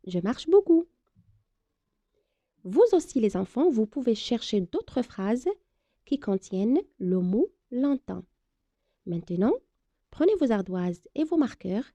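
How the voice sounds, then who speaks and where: A woman giving a reading lesson to small children, her voice fairly high and full of rising and falling melody. She speaks slowly and clearly. Her tone is mellow rather than bright. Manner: slow, carefully articulated, encouraging teacher talk. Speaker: primary school teacher.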